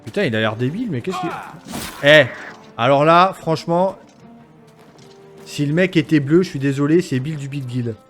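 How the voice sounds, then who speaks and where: A man's voice: on the high side, expressive, normal speed, long pauses, fairly bright tone, faint music behind. A man hosting a video game let's play, rambling and swearing playfully as he keeps interrupting himself mid-sentence. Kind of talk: casual gameplay commentary.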